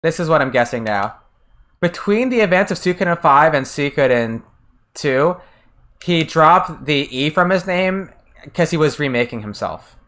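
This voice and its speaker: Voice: mid-range voice, animated, moderate pace, fairly bright tone. An American game streamer chatting casually while playing, often trailing off and restarting sentences while answering chat. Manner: answers chat messages between gameplay.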